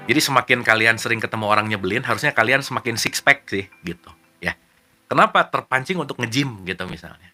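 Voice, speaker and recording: A man leading a relaxed online book study, reading passages aloud and then explaining them in a chatty, joking way while checking in with his listeners. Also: lowish voice. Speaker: study group leader. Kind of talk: casual book study talk.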